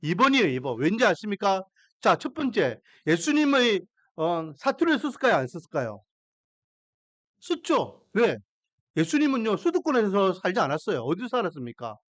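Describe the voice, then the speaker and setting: A man's voice: high voice, wildly swooping pitch, moderate pace, fairly bright tone, no room sound. A man preaching a sermon, emphatic and putting questions to his congregation. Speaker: pastor.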